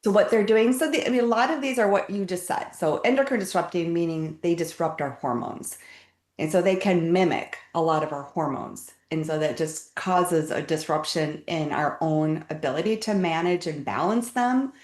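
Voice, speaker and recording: A middle-aged woman with a low voice explains things step by step as an interview guest, often repeating words along the way. The recording has a roomy echo around her. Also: normal speed, a little mellow. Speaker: guest health expert. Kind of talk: casual explanatory talk. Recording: echoey room.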